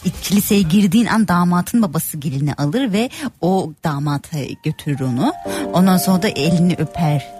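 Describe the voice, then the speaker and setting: A woman's voice: on the low side, brisk. Woman chatting casually over faint music. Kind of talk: casual chat, brief replies.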